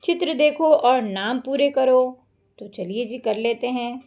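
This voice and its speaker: Woman teacher, slow and patient, gravelly voice with a slightly high pitch, walking through a workbook. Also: darkish tone. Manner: slow, explains step by step. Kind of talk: workbook lesson walkthrough.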